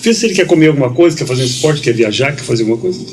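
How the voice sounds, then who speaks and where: Man telling a lively slangy story. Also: medium pitch, very fast. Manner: lively storyteller, slangy, quotes people in dialogue. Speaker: guest. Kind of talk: casual storytelling.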